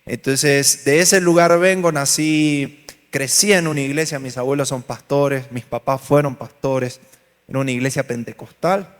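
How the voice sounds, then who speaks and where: Speaking at a normal speed in a steady, medium-pitched voice, this Argentine-accented pastor teaches a workshop to his congregation. He keeps it lively with jokes, stories and questions for the audience, and the large hall adds reverb to the recording.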